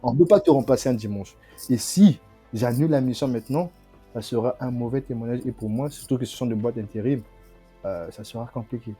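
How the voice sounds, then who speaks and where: A young man from the Republic of the Congo, a student guest telling his story in a podcast interview, halting and often repeating himself. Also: medium pitch, mellow, slightly rough, soft background music.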